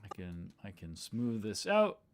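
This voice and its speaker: A man's voice: fairly low pitch, wildly swooping pitch, a little slow, a little hiss or hum. A man who edits video, chatting casually on a livestream as he works, thinking aloud, trailing off and restarting his sentences. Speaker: video editor. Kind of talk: casual livestream talk while editing.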